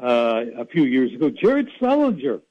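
A man's voice: medium pitch, wildly swooping pitch, normal speed. Chatty man on a muffled phone-in line. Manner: chatty, rambling, folksy asides. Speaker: sports reporter calling in. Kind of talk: casual radio phone-in chat.

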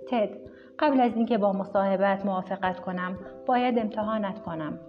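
A woman reading a calm, dying old professor. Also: mid-range voice, close to an everyday voice. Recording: dull recording with music behind.

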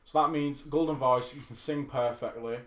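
A man's voice: medium pitch, fairly even intonation, normal speed, roomy sound. A man co-hosting a podcast in casual banter, reading out would-you-rather questions, swearing freely and laughing often. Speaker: podcast co-host.

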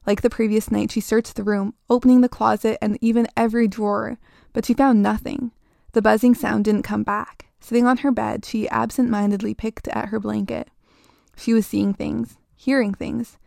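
A woman host narrating a scripted spooky story in an even, measured reading. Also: on the high side, vocal fry, dry recording, studio quality.

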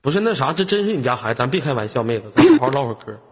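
A man's voice: medium pitch, sing-song, racing. A man with a Northeastern Chinese accent hosting a live voice chat, bantering in a brash, teasing, profane and slangy way. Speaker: host of an online voice-chat audition. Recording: noisy online voice chat with clicks. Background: clear background noise and clicks.

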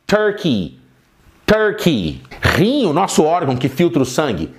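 Um homem, professor de inglês nativo de português, dando uma aula de pronúncia num podcast e repetindo cada palavra devagar e com clareza. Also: male voice, fairly high pitch, big pitch swings. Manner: clear, drawn-out model pronunciations. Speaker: English teacher. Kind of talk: podcast pronunciation lesson.

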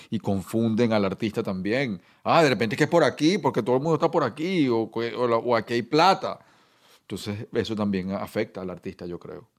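A man hosting a casual podcast chat, reflective and halting with many restarts. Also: lowish voice. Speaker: podcast host.

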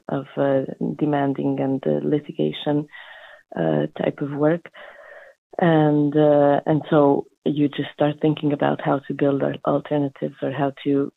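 A man's voice: fairly high pitch, vocal fry, no room sound. Man on a tinny, phone-like line. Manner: halting, searching for words. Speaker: housing cooperative activist. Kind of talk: panel discussion answer.

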